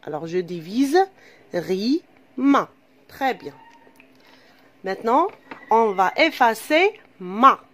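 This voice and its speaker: A woman's voice: a little high, big pitch swings, a bit bright. A woman teaching a reading lesson to young children, patient and repetitive, asking questions as she goes, with an Algerian French accent. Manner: slow, patient, repeats and asks questions to pupils. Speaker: primary school teacher.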